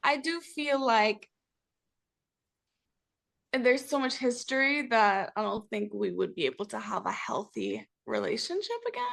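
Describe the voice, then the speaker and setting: A young woman speaks as a guest in a casual interview. Her voice sits a bit high and has plenty of vocal fry. She talks in a candid, reflective, conversational way. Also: very animated, a little slow, a bit bright. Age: young adult. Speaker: interview guest, reality TV cast member.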